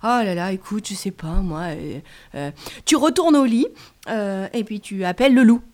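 A woman voicing a tired, dismissive father who answers in a low, weary, half-muttered way. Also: expressive, normal speed, a little mellow, natural voice.

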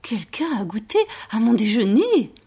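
Mama bear, gentle and calm, soft voice, a woman plays her. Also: a little high, a little slow, husky, exaggerated voice. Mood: puzzled.

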